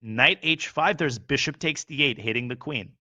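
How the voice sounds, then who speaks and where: A man's voice: mid-range voice, pushed and bright. A man commentating live chess, analyzing positions and rattling off moves. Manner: analytical, calls moves rapidly.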